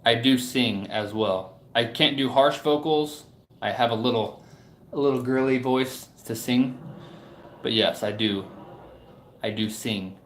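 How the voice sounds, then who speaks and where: This livestream host, medium-pitched and unhurried, rambles casually to his viewers in a hesitant way, often trailing off. The echoing room carries a little hiss or hum.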